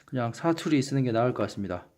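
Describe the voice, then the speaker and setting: A channel host with a Gyeongsang Korean accent runs a casual unboxing vlog, talking fast in a medium-pitched, darkish voice with lively intonation. He jokes at his own expense and keeps tripping over his words.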